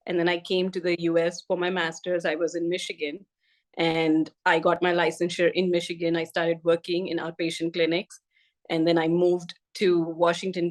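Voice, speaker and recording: A middle-aged woman from India with an Indian English accent, a physical therapist speaking as a podcast guest in a measured, steady way. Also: fairly low pitch. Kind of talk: podcast interview.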